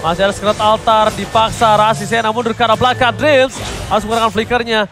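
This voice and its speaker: A man commentates a match in a very high-pitched voice, in the manner of a fighting game announcer. He stretches key calls dramatically and throws out rhetorical questions, with music clearly playing behind him. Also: flat delivery, quick pace, a bit bright. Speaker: esports shoutcaster, play-by-play.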